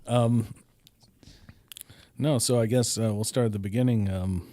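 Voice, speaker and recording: A middle-aged man from Hawaii, a podcast guest telling his life story with many pauses and fillers. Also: on the low side, fairly even intonation, dark tone, no echo. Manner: hesitant, many ums and uhs, laughs often. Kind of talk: casual storytelling.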